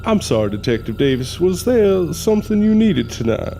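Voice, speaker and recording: In an audio drama, a male actor plays a folksy Southern mortician and spirit medium, speaking courteously and hesitantly with drawn-out phrasing. His high-pitched voice is warm and creaky, very animated and heavily acted, with music playing underneath.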